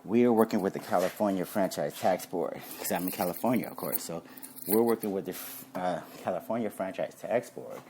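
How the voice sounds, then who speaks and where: A man's voice: low voice, a little fast, warm tone, a little hiss or hum. A man who owns a security business talks casually and rambles with little chuckles. He is a bit out of breath from wiping down his car outdoors. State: slightly out of breath while cleaning. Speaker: surveillance company owner. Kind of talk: casual promotional talk.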